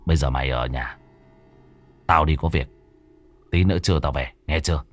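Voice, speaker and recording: Tuất, a man doing a gruff cursing village tough. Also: very deep voice, moderate pace, pitched below the performer's own voice. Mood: gruff scolding. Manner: cursing, barking, blunt. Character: gruff hot-tempered village tough, big brother.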